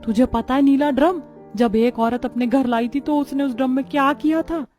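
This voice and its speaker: A woman's voice: high voice, steady tone, a little mellow, soft background music, pitched above the performer's own voice, close to an everyday voice. A woman voicing a gossipy middle-aged neighbour who stirs up alarm. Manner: dramatic, gossipy, drawn-out calling.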